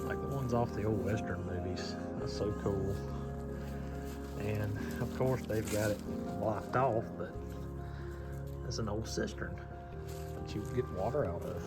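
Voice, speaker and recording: A man's voice: on the low side, a little slow, pauses often. A man with a Southern US accent, narrating his road trip in a folksy, easygoing way. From Southern United States. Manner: folksy and easygoing, says y'all. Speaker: travel vlogger. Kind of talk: casual travel narration. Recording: dull lo-fi sound with loud music.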